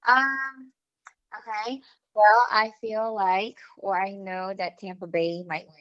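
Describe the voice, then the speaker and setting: Woman on speakerphone, muffled phone line, short blunt answers, middle pitch. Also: little pitch movement, slow, fairly bright tone. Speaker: friend called on a podcast. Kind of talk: casual phone chat.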